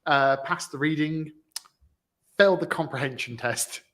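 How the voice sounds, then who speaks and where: A man's voice: a little high, unhurried, a bit bright. A British man in casual podcast chat, bantering with dry, self-mocking humor. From Britain. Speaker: podcast co-host.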